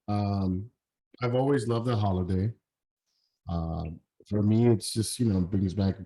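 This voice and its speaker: A man with a low, mellow voice, hoarse and worn from being sick. He co-hosts a relaxed podcast chat, trading easygoing banter with an old friend. He sounds like he is on a video call. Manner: laid-back, defensive banter. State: sick with a sore throat. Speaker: podcast co-host. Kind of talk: casual chat.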